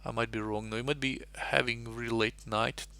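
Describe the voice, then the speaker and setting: A man's voice: medium pitch, flat delivery, normal speed, gravelly, bright, forceful tone, clean tone. A man from Russia chatting casually on a live stream, rambling and thinking aloud as he solves chess puzzles at his desk mic.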